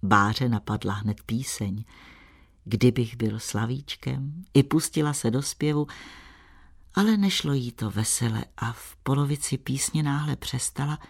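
A man narrating an old storybook in a calm, measured reading style. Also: medium pitch, gravelly. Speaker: audiobook narrator.

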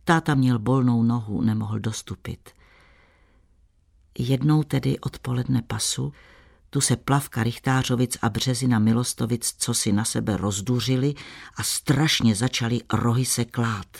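A man's voice: medium pitch, steady tone, vocal fry. A man reading the part of a bold young shepherd girl who talks frankly and plainly. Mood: storytelling.

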